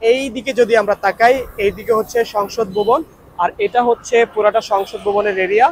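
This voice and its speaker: Man, Noakhali accent, high fast banter; playful street vlogger. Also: a little hiss or hum. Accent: Noakhali Bengali. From Noakhali, Bangladesh. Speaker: travel vlogger. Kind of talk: casual street vlog chat. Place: outdoors at a street food stall.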